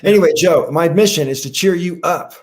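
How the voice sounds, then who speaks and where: A man's voice: fairly high pitch, fairly quick. A man on a podcast panel thinking aloud in casual chat, hesitant and full of restarts.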